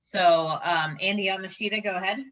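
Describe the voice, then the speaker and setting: A woman moderating a press conference, briskly calling on reporters one by one. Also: medium pitch, a bit bright, lo-fi sound.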